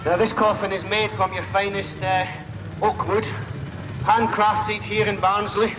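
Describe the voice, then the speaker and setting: A man's voice: high voice, flat delivery, measured pace, in a large hall. A man announcing a live outdoor stunt show to a crowd, with informal, jokey patter. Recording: outdoor PA, crowd and vehicle noise. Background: crowd, vehicles and outdoor noise.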